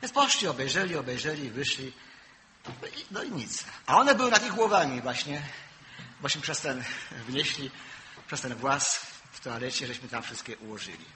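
An older man preaching a sermon. He tells personal stories and moves between loud, emphatic points and low, quiet asides. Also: expressive, normal speed, slight background noise, low-quality recording.

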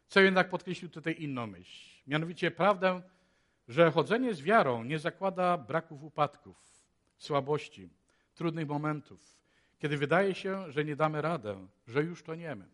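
Dramatic preacher, a man with a higher voice. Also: expressive, moderate pace. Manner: dramatic swings between hushed and loud, rhetorical questions. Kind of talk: sermon. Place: chapel.

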